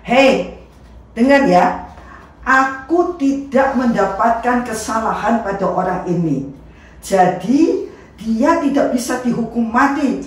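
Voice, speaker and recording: A woman voicing a grumpy, drowsy male Roman governor who grumbles and then declares loudly, in a children's Bible story. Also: lowish voice. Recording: echoey room from far off.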